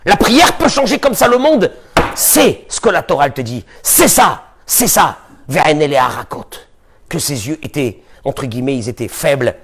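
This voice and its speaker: A man who is a rabbi, giving a lively sermon, with sudden shouts and low asides. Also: moderate pace, slight background noise. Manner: animated, shifts between shouting and muttering.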